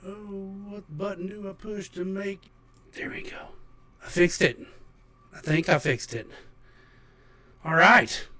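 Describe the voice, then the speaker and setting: A man's voice: sits high, slow, long pauses, pushed and bright, recorded from a distance. A middle-aged man who is under the weather, rambling with many fillers as he hosts a casual livestream, his voice echoing as in a big hall. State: recovering from illness, under the weather. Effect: roomy echo like a big hall. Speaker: musician livestream host. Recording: echoey room, voice from off the mic.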